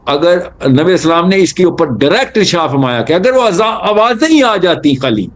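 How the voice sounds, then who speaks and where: A man giving an animated religious talk, telling stories and mixing in English terms. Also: high-pitched. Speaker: Islamic speaker.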